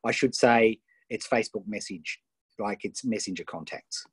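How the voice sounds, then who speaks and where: Husky Australian man coaching eagerly. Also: on the low side, no echo. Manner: enthusiastic, quick-fire questions. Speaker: host and coach. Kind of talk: live online coaching session.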